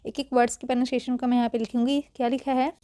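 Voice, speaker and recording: A woman's voice: fairly high pitch, little pitch movement, very fast, dark tone, no echo. A woman teaching English reading in Hindi, patiently repeating each word and quizzing the viewer.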